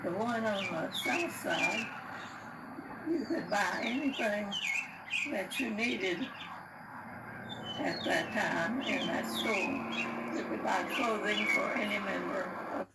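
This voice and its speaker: A very old woman, over a hundred, recalls her past in halting, unscripted short phrases. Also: medium pitch. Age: very old, over 100. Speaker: interviewee recalling childhood. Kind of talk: unscripted reminiscence. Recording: roomy, distant, noisy with birdsong.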